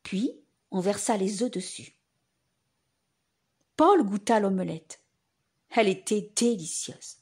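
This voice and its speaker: A woman narrating a children's bedtime story in simple, expressive phrases, as if reading to a toddler. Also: mid-range voice, slow pace, pauses often, slightly rough.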